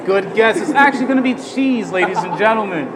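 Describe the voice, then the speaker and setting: A man in a live comedy sketch, speaking deadpan and mock-serious like a showman. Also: sits high, brisk. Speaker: guest. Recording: noisy live stage with crowd.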